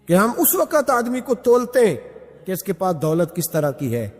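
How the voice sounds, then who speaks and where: A man's voice: high-pitched, big pitch swings. A male preacher giving an impassioned sermon full of rhetorical questions. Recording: long hall reverb with music.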